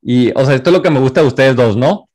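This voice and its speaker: A young Mexican man with a Tijuana accent hosts a relaxed podcast chat over a video call. He talks at an easy middle pitch, loose and chatty, with lots of fillers and slang. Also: fast. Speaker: podcast host.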